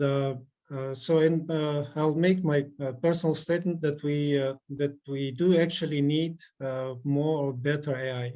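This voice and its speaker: A man in his forties, from Russia, giving a halting conference talk over a video call, with many fillers and restarts. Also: fairly high pitch, a little mellow. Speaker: conference speaker. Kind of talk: online conference presentation.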